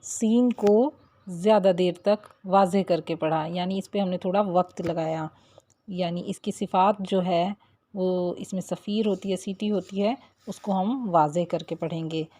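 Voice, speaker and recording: A woman's voice: on the low side, a little slow, warm tone, no echo. A woman teaching the rules of Quran recitation, explaining each rule patiently and stretching out the example syllables. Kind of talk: tajweed lesson.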